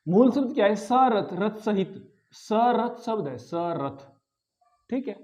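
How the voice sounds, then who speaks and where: A man's voice: high voice, animated, moderate pace, a little mellow. A man teaching a grammar lesson, patiently repeating key words and asking the class rhetorical questions. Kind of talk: explanatory lesson.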